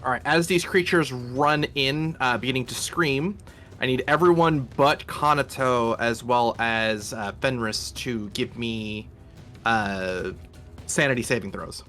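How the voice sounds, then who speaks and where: A man running a tabletop game as game master, narrating and ruling in a relaxed, chatty way with many fillers. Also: medium pitch, a little slow, soft background music.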